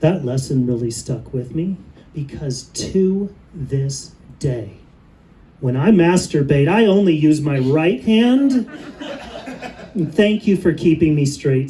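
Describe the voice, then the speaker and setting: A middle-aged man performing a stand-up comedy set on stage, telling dry stories and pausing for laughs. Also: high voice, warm tone, poor audio. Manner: dry storytelling with pauses for laughs. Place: comedy stage with a live audience.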